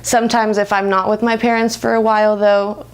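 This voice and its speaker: This American woman in her twenties has a clean, mid-range voice with a flat delivery and a fairly quick pace. She reflects casually during a conversational interview and frequently laughs as she talks.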